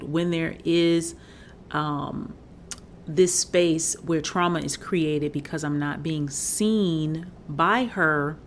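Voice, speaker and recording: A woman's voice: lowish voice, a little hiss or hum. A woman in her forties hosting a podcast, talking candidly and emphatically about her own healing, swearing freely. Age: 40s. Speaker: podcast host and healing coach. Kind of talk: reflective solo podcast talk.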